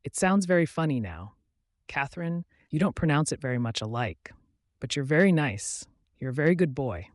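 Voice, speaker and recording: A man voicing a tender and fragile young woman in love, speaking softly and pleadingly in an audiobook reading. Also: on the high side, sing-song, normal speed, no room sound, clean studio sound. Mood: wistful.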